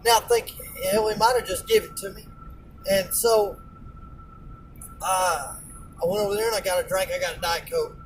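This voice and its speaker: A man's voice: high voice, creaky, distant mic, poor audio. A man, a truck driver, telling a rambling, colloquial story in a casual rant, often repeating words and restarting sentences.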